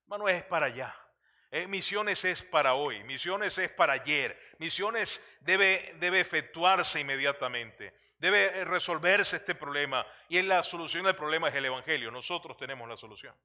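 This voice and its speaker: Man preaching in church, kinda high bright voice, asks the crowd stuff, lots of ums. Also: moderate pace. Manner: animated preaching with many fillers and questions to the congregation. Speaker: pastor. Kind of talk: sermon.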